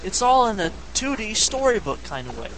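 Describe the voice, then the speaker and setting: A man's voice: sits high, big pitch swings, a little fast, a bit bright, rough recording. A man co-hosting a casual podcast, talking about a video game story with enthusiasm. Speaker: podcast co-host.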